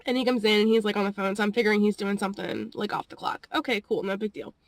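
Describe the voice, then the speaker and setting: A woman's voice: medium pitch, fast talker. A young woman vlogging, telling a story in a rambling, chatty way and often laughing between phrases. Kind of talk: casual storytelling vlog.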